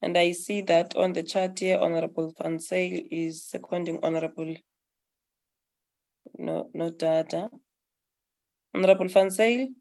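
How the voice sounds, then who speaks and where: A woman's voice: lowish voice, fairly even intonation, unhurried, gravelly, pauses often, darkish tone. Woman chairing a committee meeting.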